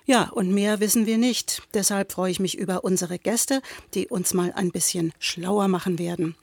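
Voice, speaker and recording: A woman hosting a talk show with a mid-pitched voice. She introduces her guests and puts clear, direct questions to them. The recording is dry and close to the mic. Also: a little mellow, dry recording. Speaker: host.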